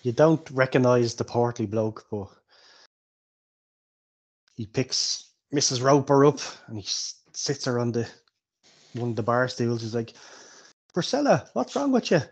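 A man's voice: medium pitch, steady tone, a little slow, pauses often. A man running a tabletop game as game master, narrating casually with frequent laughs and swearing.

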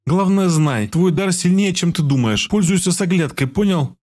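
A man voicing a shy, earnest young female healer in a raised, soft voice for an audiobook. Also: expressive, normal speed. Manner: high, soft and pleading.

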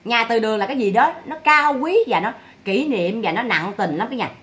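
Woman, high bright voice, scolding and mocking nonstop in a vlog rant. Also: animated, brisk. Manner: scolding, mocking, rhetorical questions. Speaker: vlogger commenting on family drama. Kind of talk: scolding monologue.

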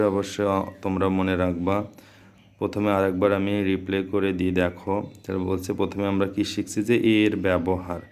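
A young man teaches a grammar lesson in a low, slow voice. His pitch barely moves, and he repeats each rule, asks his students a question, then answers it himself. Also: darkish tone.

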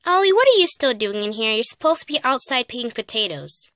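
A woman's voice: on the high side, sing-song, a little fast, a bit bright, a little hiss or hum. A woman voicing a strict, secretive mother who turns scolding and commanding. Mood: stern.

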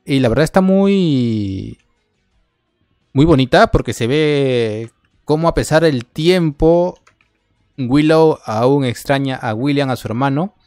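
Male gamer, casual play-by-play, very lively delivery, dry booth sound. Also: medium pitch, slow pace, clean tone, no room sound, faint music behind. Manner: animated, talks to the game character and viewers. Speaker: gaming video creator. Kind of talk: casual let's-play commentary.

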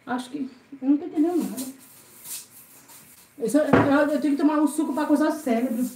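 Her high-sitting, mellow voice moves at a quick pace as this Brazilian woman live-streams from her home service area, greeting viewers by name and reading comments while she cleans. The audio is echoey with faint noise.

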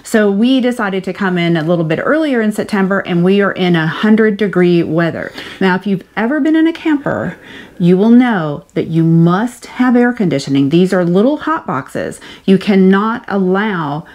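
A woman's voice: mid-range voice, expressive, moderate pace, darkish tone. A woman in her fifties co-hosting an RV vlog, chatting in an upbeat, enthusiastic way from inside an RV kitchen on a lapel mic. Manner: upbeat, enthusiastic, laughs often. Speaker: RV vlogger co-host. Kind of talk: casual explainer chat.

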